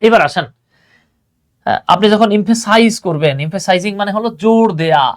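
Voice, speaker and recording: A man's voice: high voice, fairly quick. Patient Bangladeshi male English tutor. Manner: explains patiently, repeats phrases, addresses students as "baba". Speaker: English teacher. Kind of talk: online exam-prep lesson.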